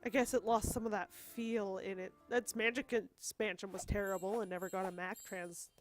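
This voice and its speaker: A gaming video host with a cold, stuffy and slightly wheezy, rambles casually while she plays, often apologizing and poking fun at herself in chatty asides. Her mid-range voice holds a steady tone at a moderate pace. Soft music plays in the background.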